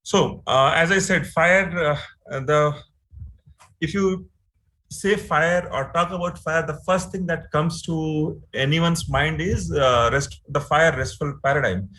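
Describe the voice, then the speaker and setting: A man's voice: a little high, slow pace, sharp tone, low-quality recording. A man with an Indian English accent giving an online training lecture, explaining step by step with many fillers and frequent "right?" checks. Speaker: instructor.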